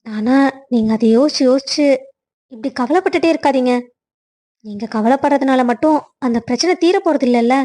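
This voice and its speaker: Woman as a gentle, high-voiced young cartoon heroine, soft and pleading. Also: fairly quick, pauses often. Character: gentle young woman, kind and caring friend.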